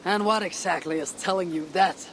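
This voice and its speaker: Eivor, a woman as a gruff, husky Viking raider. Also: on the low side, normal speed, slight background noise, lightly acted. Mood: distrustful. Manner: blunt, guarded, challenging. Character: gruff, suspicious female Viking raider leader. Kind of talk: video game cutscene acting.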